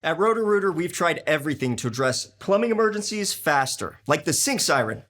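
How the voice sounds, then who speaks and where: A man playing an earnest, deadpan company spokesman in a comic TV commercial. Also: fairly high pitch, brisk, noisy background.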